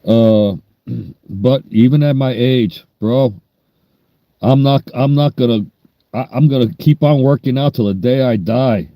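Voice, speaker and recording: A man's voice: mid-range voice, a little slow, no echo, muffled recording. A man, chatting bluntly and rambling on a livestream. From New York. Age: 60s. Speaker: livestream host. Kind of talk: casual livestream chat.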